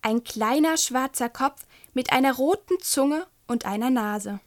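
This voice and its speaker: Woman, storyteller, children's book read-aloud, high voice, slow. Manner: gentle, addressing children.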